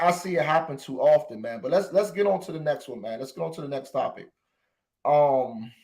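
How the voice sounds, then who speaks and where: A man with a slightly high voice hosts a podcast and speaks with open emotion. He addresses his listeners directly and repeats phrases to drive each point home. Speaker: podcast host. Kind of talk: impassioned commentary.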